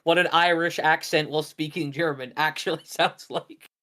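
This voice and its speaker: Bantering man, slightly high voice. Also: steady tone, pushed and bright. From Britain. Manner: quick banter, laughs often. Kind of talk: casual chat.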